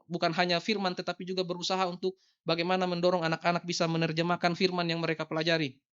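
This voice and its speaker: A man's voice: sits high, fairly bright tone, clear, resonant tone, dull audio. A man preaching a sermon in church, telling a story about his young child and often addressing the congregation directly. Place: church sanctuary.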